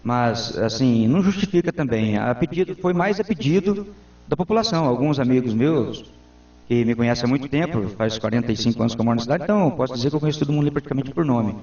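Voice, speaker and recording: A man in his forties answers interview questions in an earnest, formal way as a town councilman. His voice is dark and mellow, and it comes from a distance in a roomy space. The sound is dull and lo-fi. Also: medium pitch, fast. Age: 40s.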